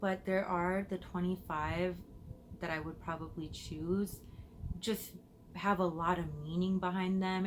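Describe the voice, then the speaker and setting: With a lowish voice, the Illinois perfume vlogger chats to camera, answering questions from viewers and thinking out loud. It's a phone recording of poor quality, with slight background noise.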